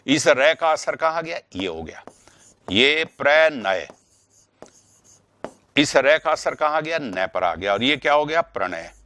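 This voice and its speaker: A man's voice: mid-range voice, bright, forceful tone. A male teacher giving an online grammar lesson, asking rhetorical questions and repeating key words for stress.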